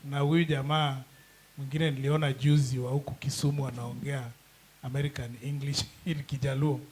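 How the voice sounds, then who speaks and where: A man's voice: medium pitch, level tone, brisk, darkish tone. A Kenyan man speaking as a forum panelist in a casual, joking way, switching between English and Swahili slang.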